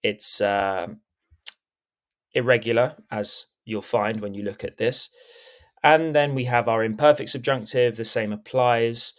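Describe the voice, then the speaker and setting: A man's voice: mid-range voice, a little slow. Methodical man teaching a grammar lesson. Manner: clear, methodical, checks in with "okay?". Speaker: Spanish teacher. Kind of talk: screen-recorded grammar lesson.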